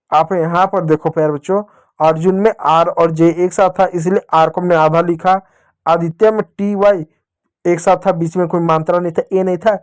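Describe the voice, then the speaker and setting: A male teacher with a high, slightly mellow voice gives children a patient reading lesson, sounding out words slowly and repeating them.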